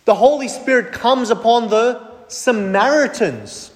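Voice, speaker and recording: A male preacher with a strikingly high voice gives a sermon at a slightly slow pace. He speaks with emphasis, posing questions to the congregation and then answering them himself, while a large hall's long reverb carries his words.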